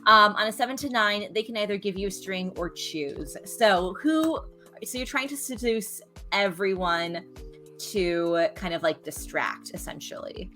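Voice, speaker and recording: Lively, laughing woman game master. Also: mid-range voice, a little slow, soft background music. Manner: explains the rules, laughs easily. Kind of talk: running a tabletop role-playing game.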